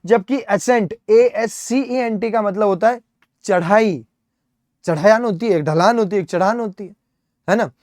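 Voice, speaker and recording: In this exam-prep vocabulary lesson, an Indian-accented man explains English words step by step, spells each one letter by letter, and keeps asking "है ना?". He speaks unhurriedly in a high, darkish voice. The recording is dry with clean studio sound.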